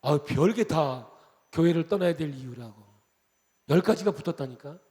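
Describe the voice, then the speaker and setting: A male pastor from Chungcheong preaching a revival sermon, animated and jokey, swinging between loud and soft. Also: a little high, normal speed, big-room sound. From Chungcheong, Korea.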